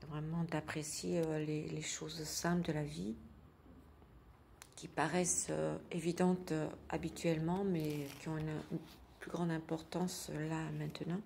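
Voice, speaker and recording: Soft-spoken woman with a warm, low voice. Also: little pitch movement, measured pace, gravelly, slight background noise. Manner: gentle, hesitant, with many fillers. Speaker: vlogger presenting her daily routine. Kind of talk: casual chat.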